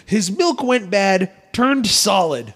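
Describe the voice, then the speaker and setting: A man's voice: sits high, big pitch swings, slow pace, a bit bright. A man co-hosting a podcast, chatting casually, joking and laughing often. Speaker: podcast co-host. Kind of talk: casual chat.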